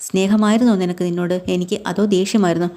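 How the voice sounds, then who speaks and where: A woman's voice: on the low side, steady tone, rapid-fire, mellow, lightly acted. Woman reading as a stern betrayed husband. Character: wounded, stern husband who feels betrayed.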